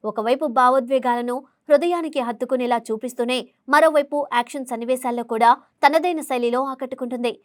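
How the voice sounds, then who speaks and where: High, brisk woman reading film news. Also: dry recording, studio quality. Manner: formal reading delivery. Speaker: entertainment news narrator. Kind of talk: scripted film news narration.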